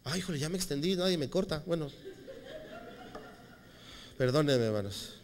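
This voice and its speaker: A male pastor preaching a lively, conversational sermon, acting out quotes as he tells stories. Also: a little high, normal speed, long reverb tail, a little hiss or hum. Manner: animated storytelling, acting out quotes.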